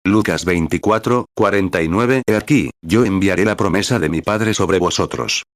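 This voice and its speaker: A man reading a translated sermon aloud in a steady, measured way, calling out verse and paragraph numbers as he retells scripture stories. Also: deep voice, no echo, studio quality. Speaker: sermon reader.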